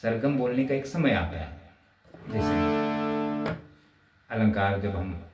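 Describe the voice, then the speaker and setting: A man's voice: on the low side, expressive, takes it slowly. A man teaching music, who explains with care and keeps addressing his viewers as friends. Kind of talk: spoken music lesson. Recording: roomy, slightly distant, faint ambience.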